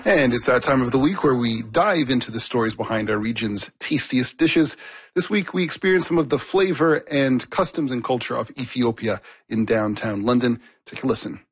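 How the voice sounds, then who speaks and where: A man's voice: medium pitch, moderate pace, faint music behind. A man hosting a radio food feature, introducing the segment and asking friendly, conversational questions. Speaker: radio host.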